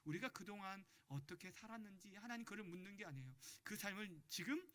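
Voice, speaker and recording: A man's voice: high-pitched, expressive, fast talker, pushed and bright. A male pastor preaching a sermon in church, leading the congregation in reading scripture aloud and asking them questions.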